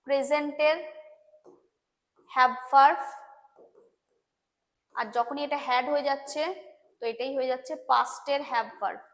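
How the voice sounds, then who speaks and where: Teaching English grammar for an exam, this Bengali-accented woman speaks slowly in a high-pitched voice with fairly even intonation and frequent pauses. She explains patiently, goes over points again and keeps checking that students understand.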